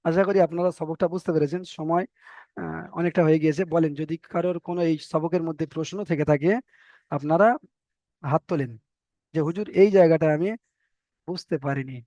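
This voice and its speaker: A man's voice: on the high side, fairly even intonation, fairly quick, long pauses, dark tone, dry recording, lo-fi sound. A male teacher giving an online Quran reading lesson, explaining the rules in a repetitive, drilling way over a video call.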